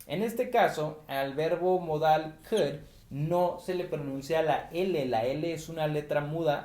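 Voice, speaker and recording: A man who speaks Spanish as his first language, teaching an English pronunciation lesson and slowly repeating the example words. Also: on the high side, dark tone, roomy sound.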